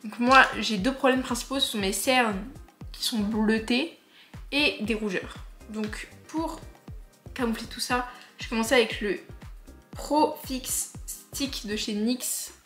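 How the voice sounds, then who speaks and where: Young woman, casual beauty vlogger, slightly high voice, chatty with joking asides, echoey room with faint music. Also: a bit bright. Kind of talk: casual makeup tutorial.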